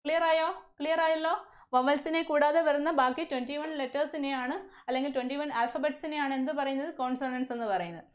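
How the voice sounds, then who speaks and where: A woman's voice: high voice, steady tone, quick pace. A woman from Kerala with a Malayali accent teaching an English class, often asking questions and answering them herself. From Kerala, India. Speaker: English teacher at a coaching centre. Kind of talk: classroom lesson.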